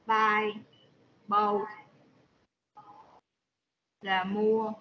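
A female student slowly reciting vocabulary words and their meanings one by one in an online class. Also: mid-range voice, little pitch movement, dull audio, slight background noise. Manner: slow, careful word-by-word reciting. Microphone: video call.

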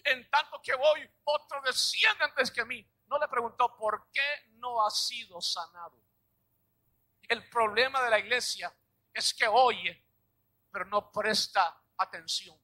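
Pastor guy preaching, high bright voice, takes his time, gets loud and dramatic acting stuff out. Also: slow. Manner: dramatic, acts out little scenes and shouts key lines. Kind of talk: preaching a sermon.

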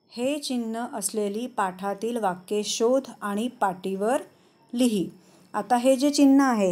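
A woman teacher, patiently explaining a lesson to children and repeating instructions slowly. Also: a little high, darkish tone. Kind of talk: online class lesson for children.

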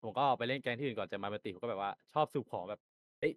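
Fast, rambling young man. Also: fairly low pitch. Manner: rambling, filler-heavy, restarts. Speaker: applicant being interviewed. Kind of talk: casual rambling answers.

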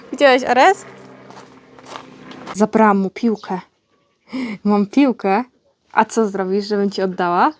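A woman's voice: mid-range voice, sing-song, slow, long pauses. A young woman vlogging outdoors on a farmyard, chatting casually to her animals and playfully scolding them.

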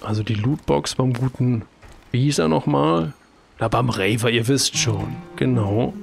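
A man's voice: medium pitch, measured pace, gravelly, soft background music. A man with a German accent giving casual commentary as he plays a video game, chatty and talking to himself with jokey exclamations. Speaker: let's play host.

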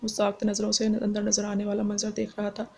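A woman narrating a romance novel in a steady storytelling voice. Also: medium pitch, a little fast, vocal fry, slightly rough. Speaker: audiobook narrator. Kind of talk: novel reading.

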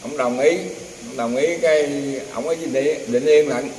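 A man's voice: mid-range voice, fairly even intonation, moderate pace, a little mellow. An older man, a temple herbal healer, casually telling rambling, folksy stories and acting out the dialogue of others. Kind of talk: casual storytelling. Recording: echoey, distant, roomy with faint noise.

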